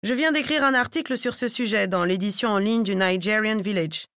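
A woman's voice: mid-range voice, brisk, fairly bright tone, no room sound, studio quality, lightly acted. A woman reading the part of a pompous, self-important middle-aged man in an audiobook, in a lecturing, self-satisfied manner.

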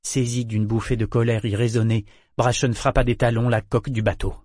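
A man narrating an audiobook in a measured, even storytelling voice. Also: medium pitch, no room sound, studio quality.

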